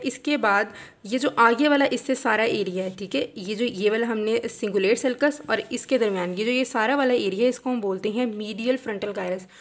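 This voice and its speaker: High, gravelly-voiced woman teaching anatomy. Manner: patient, repeats key terms, asks and answers own questions. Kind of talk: explaining while tracing a diagram.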